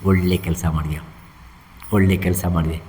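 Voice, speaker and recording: Brief: calm divine god figure, gentle and reassuring, a man putting him on in a discourse, long hall echo. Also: mid-range voice, unhurried. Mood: serene. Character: Krishna, serene divine male god consoling a hunter. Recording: echoey hall reverb.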